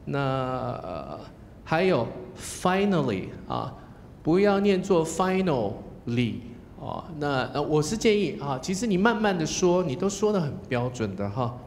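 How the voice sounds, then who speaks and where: A man speaking Mandarin with a Taiwanese accent, giving a contest judge's spoken feedback. He coaches the contestants, demonstrates pronunciation, and closes his phrases with a soft "ha". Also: sing-song, normal speed, vocal fry. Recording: echoey hall with faint rumble.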